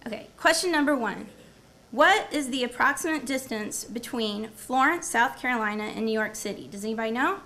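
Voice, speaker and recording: A woman professor speaks at a university symposium, her fairly high voice carrying a gravelly edge. She lectures from a prepared talk, then turns to quiz the room and echo back their answers. Faint noise hums behind her in the lecture room. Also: animated, fairly quick, pushed and bright. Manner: engaging, quizzes the audience and repeats their answers. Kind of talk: academic presentation with audience quiz. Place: lecture room before a live audience.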